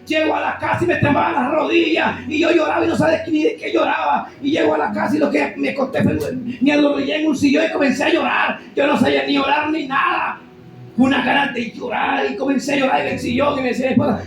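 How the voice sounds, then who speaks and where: Evangelist guy shouting his testimony, really high voice, big echo from far off. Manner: impassioned, shouting, preacherly. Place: church.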